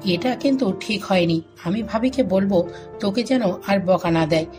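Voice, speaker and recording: A woman plays a caring aunt in an audio story. She coaxes her nephew gently, at a mid pitch. Clear background music runs under her voice. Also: moderate pace, close to an everyday voice. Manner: gentle, coaxing. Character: kindly aunt who cooks for her nephew.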